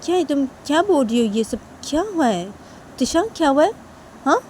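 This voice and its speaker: A woman's voice: sits high, very animated, normal speed, darkish tone, slight background noise. A woman voicing a worried middle-aged mother who keeps asking what happened. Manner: anxious questioning.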